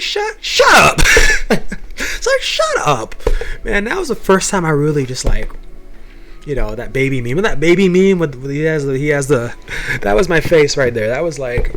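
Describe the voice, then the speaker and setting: A young man recounts his past in a casual vlog, his pitch swinging widely as he gets worked up. He swears freely and often trips over repeated words before pushing on. Faint music plays underneath. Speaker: ex-Jehovah's Witness telling his story. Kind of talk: personal storytelling to camera.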